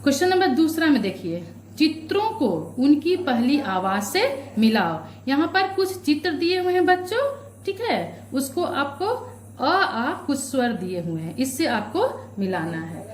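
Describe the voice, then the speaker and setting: A woman's voice: high-pitched, big pitch swings, a little slow, reverberant. A woman teaching young children from a workbook, patient, asking questions and answering them herself. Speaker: primary school teacher.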